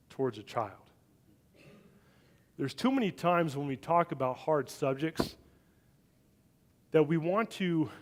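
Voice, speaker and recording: A middle-aged man preaching a sermon, telling a family story with animated, loud swings when he acts out what people said. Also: fairly high pitch. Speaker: pastor. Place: church sanctuary.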